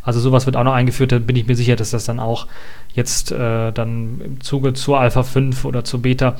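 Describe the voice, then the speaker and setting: Male tech reviewer, mid-pitched, casual and unscripted, lots of hesitations. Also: little pitch movement, a little fast, a little mellow. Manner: thinking aloud with many filler sounds and restarts. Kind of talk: casual spoken software review.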